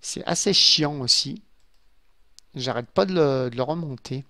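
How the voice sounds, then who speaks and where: A gaming YouTuber with a mid-range, sharp-toned voice gives casual let's-play commentary at his home computer, speaking unhurriedly. He chats and mutters asides to viewers as he builds, in a home room with a glass desk. The recording is dry and studio-clean.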